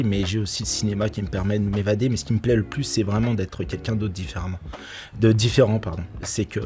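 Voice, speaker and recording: In a laid-back interview, a middle-aged actor from Portugal who also runs nightclub security tells stories about filming, breaking into laughter often and restarting what he says. His voice is mid-range with a somewhat dark tone.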